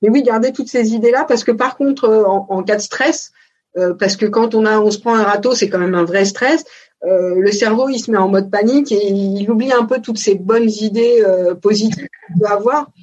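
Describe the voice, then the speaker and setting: Forties female founder, husky, thoughtful and halting, interview guest on a dull lo-fi recording. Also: mid-range voice, darkish tone. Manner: thoughtful, hesitant with many fillers. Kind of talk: casual interview conversation. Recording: dull lo-fi sound.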